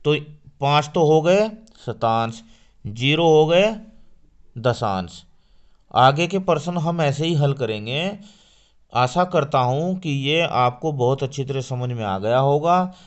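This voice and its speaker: Male maths teacher, slow and deliberate, smooth clear voice, talks to children, asks and answers his own questions. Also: a little high, expressive. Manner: addresses children directly. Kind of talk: classroom maths lesson.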